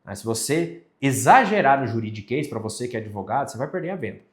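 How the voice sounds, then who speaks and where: A man's voice: medium pitch, sing-song, fast, reverberant. A man with a Brazilian Portuguese accent teaching an online sales lesson, explaining step by step and often checking in with his listeners.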